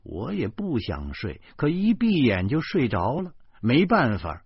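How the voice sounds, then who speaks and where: A man's voice: medium pitch, huge pitch swings, a little slow, slightly rough, dry recording, voice pushed up, heavily acted. A man voicing a sleepy wife who mumbles and chatters in a folksy way, on a dull lo-fi recording. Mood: rambling.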